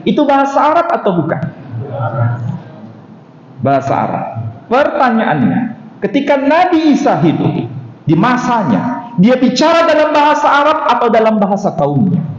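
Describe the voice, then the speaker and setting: In a mosque hall, a man with a very high-pitched, very animated voice teaches a religious study lecture at a moderate pace. He poses rhetorical questions and answers them himself, and the recording is dull and echoey.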